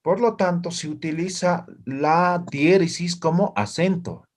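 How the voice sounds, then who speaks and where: A man whose voice sits high teaches a language lesson a little slowly. He checks in with his class through short questions after nearly every phrase, and students answer in the background.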